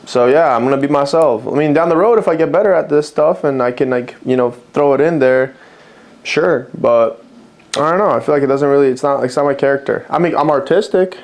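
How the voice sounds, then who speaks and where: A man's voice: medium pitch, a little fast. A man talking casually to camera as a fitness vlogger at home, rambling with fillers and self-corrections. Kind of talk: casual vlog chat.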